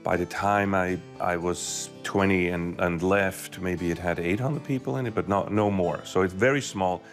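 A middle-aged man speaks as an interview guest, his voice sitting low. He thinks aloud, repeating and restarting words as he goes. Soft music plays faintly beneath him. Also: steady tone, normal speed. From Switzerland. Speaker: guest, university professor. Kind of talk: casual interview storytelling.

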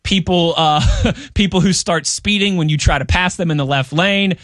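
A man hosting a casual sports radio show, relaxed and chatty, laughing often. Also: high-pitched, normal speed, no room sound, studio quality.

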